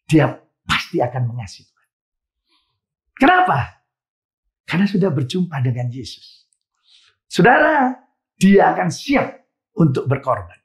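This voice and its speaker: Pastor guy w tinge, preaching, voice jumps way up and down, echoey hall. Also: on the high side. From Indonesia. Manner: lively preaching with sudden loud exclamations, addressing the congregation. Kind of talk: sermon.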